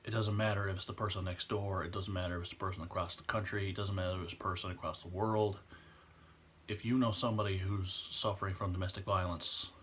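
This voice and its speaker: Man, late twenties, earnest, emotional, fairly deep voice, faint background noise. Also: fairly even intonation, fairly bright tone. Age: 20s. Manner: earnest, emotional, slows down on heavy points. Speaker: vlogger. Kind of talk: impassioned personal vlog rant.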